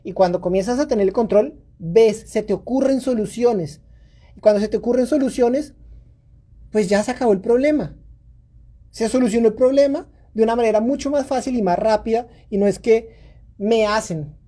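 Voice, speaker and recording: A woman's voice: on the high side, fairly quick, mellow. A woman in her thirties hosting a parenting podcast, talking casually and earnestly as a coach, sometimes acting out a scolding parent. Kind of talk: casual advice talk.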